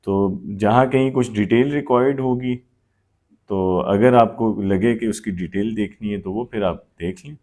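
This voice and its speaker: A man's voice: fairly low pitch, warm tone. A man teaching Arabic grammar in a live online class, patiently explaining with many examples.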